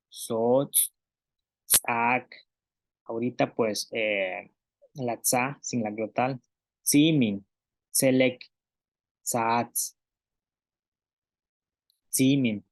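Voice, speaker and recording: Man, language teacher, very slow, word-by-word drills, dry close sound. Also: medium pitch, a little mellow, dry recording. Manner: slow, careful, drills words one at a time with fillers. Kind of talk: pronunciation lesson.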